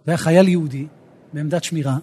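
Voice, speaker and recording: A rabbi teaching a Torah lesson, an animated storyteller who rises to emphatic outbursts. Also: male voice, on the high side, husky.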